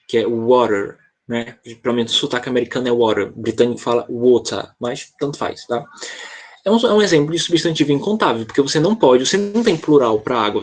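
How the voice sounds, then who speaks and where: Husky-voiced Brazilian man teaching English. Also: mid-range voice. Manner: explains patiently, checks in with frequent "tá?". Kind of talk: online class explanation.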